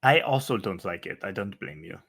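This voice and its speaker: A man playing a tabletop role-play game, speaking in character in an earnest, gentle, formal way. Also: low voice, lively intonation, brisk, creaky, slightly rough. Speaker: player.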